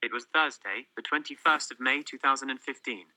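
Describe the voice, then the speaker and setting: A male-sounding text-to-speech phone assistant giving even, polite answers. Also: mid-range voice, brisk, low-quality recording. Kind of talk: synthetic assistant replies.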